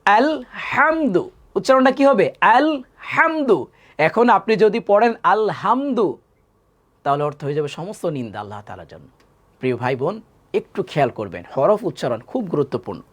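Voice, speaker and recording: A male Quran teacher leading a live lesson, his voice rising and falling widely as he drills Arabic letters. He calls out each sound loudly and repeats it several times, then drops to a quieter tone to explain. He speaks straight to his viewers and asks them to repeat after him. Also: a little high, big pitch swings, fast talker.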